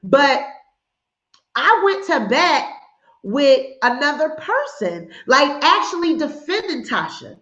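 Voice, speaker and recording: A high-voiced woman from hosts a casual gossip livestream, sassy and animated. The sound is dull and lo-fi, and it echoes around the room. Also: slow. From Philadelphia, USA. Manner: sassy, animated, laughing asides.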